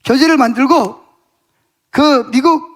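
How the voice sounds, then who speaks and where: High-voiced pastor telling a lively sermon story. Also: male voice, takes it slowly. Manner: animated storytelling, acting out dialogue with God and others. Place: church sanctuary.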